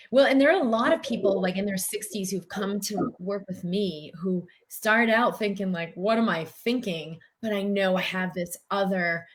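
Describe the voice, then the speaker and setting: A middle-aged woman from the United States, a doctor talking earnestly in an interview and using many filler words. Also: mid-range voice. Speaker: doctor and guest. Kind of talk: conversational interview.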